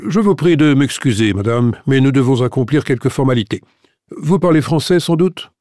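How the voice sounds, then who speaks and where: A man's voice: medium pitch, lively intonation, normal speed, darkish tone, no echo, natural voice. A man voicing a pompous, self-important middle-aged police commissioner in an audiobook. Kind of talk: audiobook character voice. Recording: dry studio recording.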